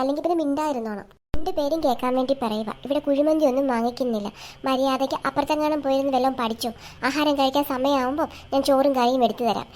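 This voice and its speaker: In this family comedy skit, a child actor voices a grumpy middle-aged mom, high and fast, close to an everyday voice. She scolds constantly, launching into long, sharp, nagging complaints in short comic bits.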